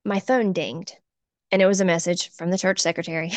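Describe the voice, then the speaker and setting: A woman's voice: lowish voice, steady tone, a little fast, dry recording. A middle-aged woman, a church volunteer sharing an earnest, emotional personal testimony. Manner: earnest, emotional, gets choked up.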